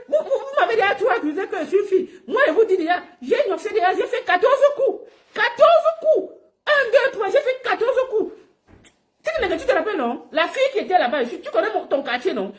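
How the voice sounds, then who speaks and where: Woman doing a squeaky boasting young man. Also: sing-song, moderate pace. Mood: mocking boastful. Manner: shrill mocking falsetto broken by laughter.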